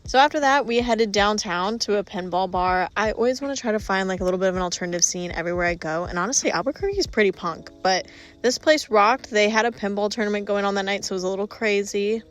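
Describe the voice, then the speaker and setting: A woman's voice: medium pitch, fast talker. A woman narrating her travel vlog in a chatty, upbeat voice-over. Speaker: travel vlogger.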